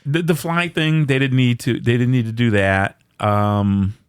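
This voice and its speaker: A man co-hosting a casual horror movie podcast, talking excitedly with lots of stammering restarts and blunt, profane words. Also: medium pitch, a little slow, smooth, dry recording, clean studio sound. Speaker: podcast co-host.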